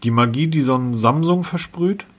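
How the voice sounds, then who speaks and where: Husky man in casual tech chat. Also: medium pitch, moderate pace. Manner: rambling, many fillers and restarts. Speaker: podcast co-host.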